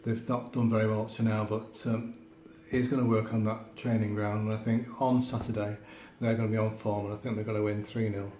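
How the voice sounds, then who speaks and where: Mellow-voiced man giving football predictions. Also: on the low side, flat delivery. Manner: measured, thoughtful with fillers. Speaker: co-host. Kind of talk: casual football prediction chat. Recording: echoey room, faint noise.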